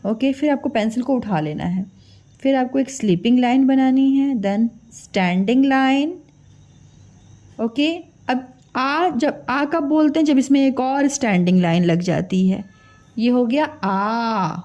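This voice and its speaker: A woman Hindi teacher with a high, mellow voice leads children through the alphabet in an animated but unhurried way, and the highs in the recording are cut off. She patiently goes over each sound, quizzes the class, and slips in English drawing words.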